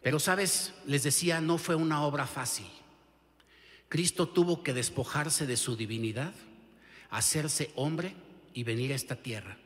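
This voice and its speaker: A man's voice: on the high side, measured pace, fairly bright tone, in a large hall. A male pastor with a Mexican Spanish accent preaching a sermon emphatically, often turning to the listener with rhetorical questions. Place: church sanctuary.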